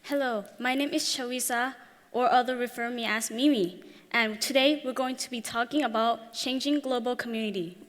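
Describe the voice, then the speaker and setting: Teenage girl from Thailand, very high voice, earnest talk, hall reverb. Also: fairly even intonation, moderate pace, a bit bright. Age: teens. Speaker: youth speaker. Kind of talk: prepared talk on stage. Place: large hall.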